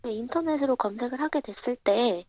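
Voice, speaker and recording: A young woman speaking as an interview guest over a remote line, her voice disguised by a pitch-changing filter, answering in a quiet, measured way. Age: young adult. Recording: dull, muffled remote line.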